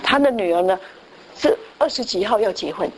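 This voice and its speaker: A woman's voice: mid-range voice, animated, a little fast, a little hiss or hum. A woman preacher delivering a conversational sermon that tells a story, with frequent restarts and tag questions.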